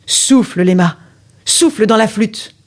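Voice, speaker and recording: A woman's voice: medium pitch, a little slow, lightly acted. A woman doing an urgent talking seagull. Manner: urgent calling.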